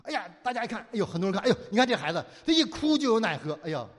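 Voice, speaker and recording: A man with a high, very animated voice preaches a sermon, constantly asking his listeners questions and answering them himself. Now and then he slips into a whiny, mocking voice to mimic pleading prayers. His voice rings out with a long reverb, as in a big hall. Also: very fast. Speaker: pastor.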